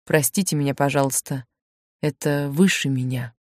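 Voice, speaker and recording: A woman's voice: very deep voice, steady tone, moderate pace, a little mellow, no room sound, studio quality, pitched below the performer's own voice. A woman voicing a shaken, lovesick young male postgraduate in a storybook reading, speaking in a muted, subdued way. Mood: dejected.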